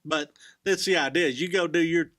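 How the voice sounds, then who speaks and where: A man co-hosting a casual discussion, joking and talking in an animated way. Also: a little high, a little fast, background noise. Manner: jokey, animated. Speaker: co-host.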